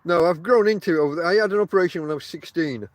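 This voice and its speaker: A middle-aged podcast host with no teeth, his lips folding over his gums as he articulates, banters in a wry, self-deprecating way. His voice is high-pitched and racing, there's no room sound, and the talk is casual and rambling.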